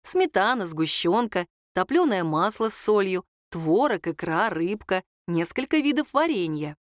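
A woman narrating a novel in an even, lightly wry storytelling manner. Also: mid-range voice, a little slow, dry recording, clean studio sound. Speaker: audiobook narrator. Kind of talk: scripted narration.

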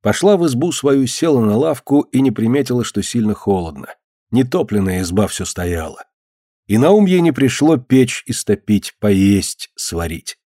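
A male audiobook narrator reading a story in an even, measured manner. His pitch sits in the middle range. The recording is dry and close. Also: no room sound.

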